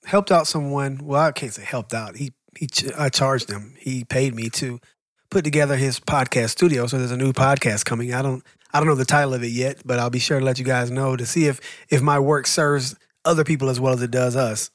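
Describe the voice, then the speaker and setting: An easygoing male podcast co-host who teases his partner and laughs easily. His voice sits at a middle pitch and sounds dry and close to the mic. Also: steady tone, dry recording. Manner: easygoing, teasing, quick to laugh. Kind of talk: casual podcast chat.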